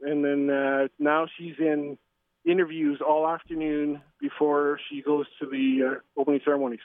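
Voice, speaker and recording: A man's voice: on the high side, level tone, no room sound. Middle-aged man over the phone from a train. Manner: halting, with many fillers and restarts. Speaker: interview guest, curling coach and father. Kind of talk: casual phone interview. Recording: tinny phone line.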